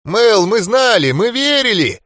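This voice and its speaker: A fervent, hoarse old rebel miller, as a male reader puts him on, pitched well above the reader's own voice. He talks eagerly, swinging up and down. The voice sounds close and dry in a storybook reading. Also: sing-song, unhurried, fairly bright tone, no echo, exaggerated voice.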